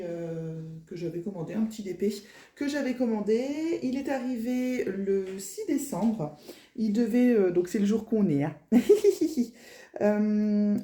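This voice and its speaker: A woman's voice: a little high, dark tone. Chatty ch'ti woman unboxing crafts. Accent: Picard (ch'ti, northern French). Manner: chatty, rambling, with many fillers. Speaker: crafting vlogger. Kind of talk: casual unboxing chat.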